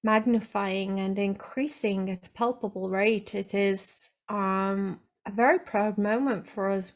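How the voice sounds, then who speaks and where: A woman channeling a serene male ascended spirit, speaking slowly and gently, repeating phrases as a spiritual message. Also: mid-range voice, lightly acted.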